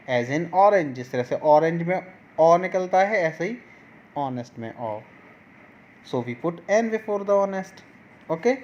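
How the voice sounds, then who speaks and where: Slow-talking Indian male teacher. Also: a little high, muffled recording. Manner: slow, explaining, mixing English examples into Hindi. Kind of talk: online grammar lesson.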